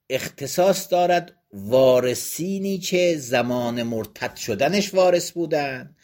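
A man teaching religious law in a seminary lecture, reading passages aloud and then explaining them plainly point by point. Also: medium pitch.

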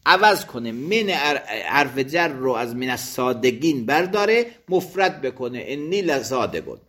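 A man's voice: medium pitch, lively intonation, a bit bright. A man teaching religious law, reading each phrase of a text aloud and then explaining it, sometimes correcting himself mid-word. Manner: thinks aloud with quick self-corrections.

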